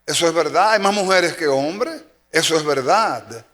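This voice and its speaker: A man's voice: a little high, animated, a little slow, a bit bright. A man pastor with a Dominican Spanish accent, preaching a sermon emphatically and repeating key phrases for effect. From Dominican Republic. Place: church sanctuary. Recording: long church reverb with faint music.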